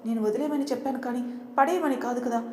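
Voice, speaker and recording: A woman's voice: high-pitched, fast talker, dark tone, a little hiss or hum, voice pushed up, lightly acted. A woman voicing a naive, clumsy young office worker who fusses and doubts aloud. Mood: plaintive. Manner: plaintive and doubting. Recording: roomy with long reverb.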